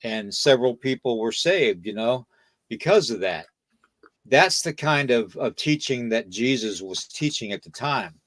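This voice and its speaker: A man hosts a casual podcast in a voice that sits at an ordinary middle pitch. He lectures his listener, punctuating nearly every point with "okay?" and "you know." The sound is dry and close, with no room echo. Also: lively intonation, measured pace, fairly bright tone. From United States. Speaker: podcast host.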